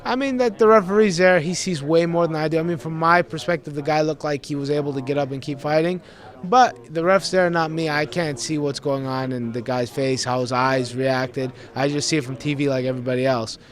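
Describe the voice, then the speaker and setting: An earnest young man from Greece answers pre-fight questions as an MMA fighter. His voice sits a little high for a man, and he rambles, restarting phrases and repeating words. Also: brisk.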